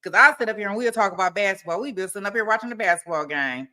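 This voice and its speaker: Bright-voiced woman chatting casually on a livestream. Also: medium pitch, expressive, racing. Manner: colloquial, informal, folksy phrasing. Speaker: livestream host. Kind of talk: casual chat with viewers.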